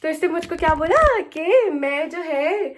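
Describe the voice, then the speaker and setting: Chatty high-voiced young woman vlogger. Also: measured pace. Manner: chatty, mixes English into her talk. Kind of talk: casual vlog chat. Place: home, getting ready.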